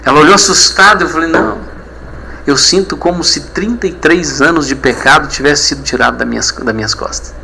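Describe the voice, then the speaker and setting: A man's voice: fairly high pitch, fairly quick, vocal fry, sharp tone, a little hiss or hum, rough recording. A man in his thirties, a pastor, giving an emotional personal testimony and often repeating himself.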